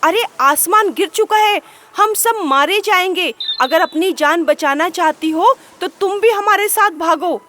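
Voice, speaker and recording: A woman voicing a panicky, timid little rabbit in a children's storybook, frantic and shouting warnings. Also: high-pitched, animated, slow, slight background noise. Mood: urgent.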